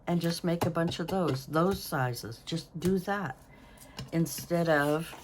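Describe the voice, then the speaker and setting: A woman's voice: low voice, takes it slowly, background noise. A woman in her sixties hosting a craft video, rambling and thinking aloud in a self-deprecating way as she works. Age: 60s. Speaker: craft channel host. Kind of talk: casual crafting talk-through.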